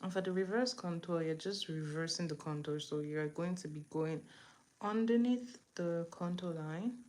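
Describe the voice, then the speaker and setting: Talking to her livestream viewers while she works, an eastern Nigerian makeup tutorial host is chatty and instructive, walking through each step. Her slightly mellow voice sits on the low side at normal speed, with room ambience and clear background noise behind it.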